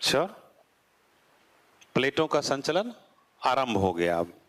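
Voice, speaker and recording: Speaking slowly in a sing-song way with a fairly bright tone, a male teacher delivers a geography lesson to his class. He asks rhetorical questions, answers them, and drops his pitch when closing each point.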